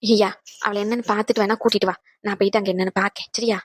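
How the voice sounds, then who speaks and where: A woman voicing a motherly older aunt in a cartoon, who comforts and gently scolds. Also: mid-range voice, level tone, rapid-fire, dry recording, voice pushed down, lightly acted. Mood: soothing. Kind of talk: cartoon dubbing.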